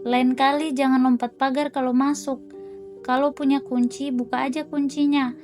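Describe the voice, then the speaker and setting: A woman's voice: high voice, flat delivery, normal speed, over music, lightly acted. A woman voicing a stern older male landlord scolding his tenant.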